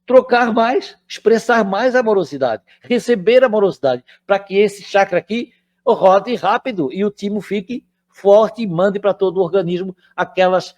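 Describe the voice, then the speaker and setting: An older man lectures at a spiritist center in a relaxed, conversational way. His voice sits noticeably high, and he keeps turning to the audience to check that they are following.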